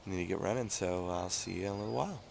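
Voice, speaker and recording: Male vlogger, casual and low-key, slightly halting delivery, recorded with clear background noise. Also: a little mellow. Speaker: running vlogger. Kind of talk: casual vlog chat, standing at home before and after a run.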